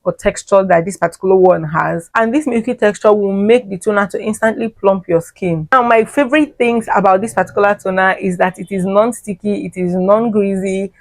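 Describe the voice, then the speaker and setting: A woman talks through skincare products in a friendly, chatty vlog manner. She calls her viewers her loves and keeps checking in with little "okay"s and "right?"s. Her voice sits at an ordinary middle pitch and is recorded close and dry, with no room echo. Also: a little fast, few pauses. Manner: chatty, tags lines with "okay", "right?" and "yeah"; addresses viewers fondly as "my loves". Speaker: beauty vlogger.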